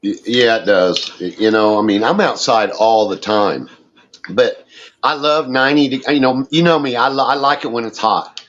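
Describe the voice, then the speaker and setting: A man's voice: mid-range voice, moderate pace, a bit bright, a little hiss or hum. A man in his fifties chatting casually in a folksy way, swearing easily. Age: 50s. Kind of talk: casual chat. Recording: dull, muffled sound.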